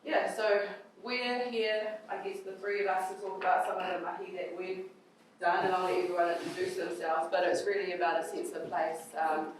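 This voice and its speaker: A woman's voice: on the low side, level tone, a little fast, far from the mic, a little hiss or hum. Hesitant New woman in an echoey hall. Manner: brief, hesitant with ums. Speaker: panel speaker. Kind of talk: public talk at an event.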